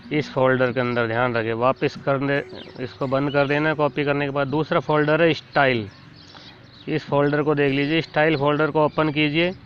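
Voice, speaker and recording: A man's voice: on the high side, fairly bright tone. Man giving a plain keyboard tutorial. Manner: plain, instructive, talks while demonstrating. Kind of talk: casual step-by-step tutorial. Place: indoors at a computer and keyboard. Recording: dull lo-fi sound with faint noise.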